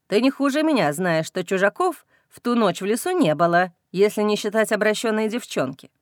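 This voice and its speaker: A woman's voice: mid-range voice, brisk, no echo, studio quality, natural voice. A woman voicing a cold, indifferent male werewolf warrior in an audiobook. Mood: cool. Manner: calm, dismissive. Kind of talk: audiobook character reading.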